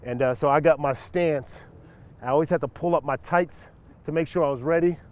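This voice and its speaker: Pitched a little high and speaking fairly quickly, a former football player in his forties wanders an empty stadium and locker room, casually telling stories from his past. The tone stays relaxed and reflective, though he becomes lively when he says hello to a friend.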